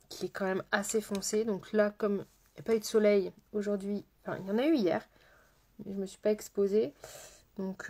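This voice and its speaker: A woman, a makeup artist, chatting casually with viewers on a live stream as she works, greeting them by name and often repeating herself, sometimes slowing to a soft, hypnotic tone. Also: mid-range voice.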